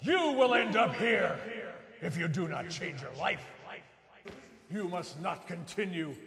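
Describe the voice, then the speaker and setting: A man's voice: high voice, animated, unhurried, creaky, a bit bright, soft background music, exaggerated voice. A man playing the solemn, tormented ghost of a remorseful Roman, speaking in an ominous, theatrical, archaic way in a stage drama. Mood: grave warning. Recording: echoey hall with audience noise.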